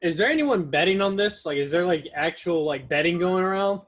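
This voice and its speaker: A man's voice: high voice, animated, a little fast, fairly bright tone. A man playing in a tabletop game, playful and scheming. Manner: playful, scheming, laughs often. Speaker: player. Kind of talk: casual tabletop play.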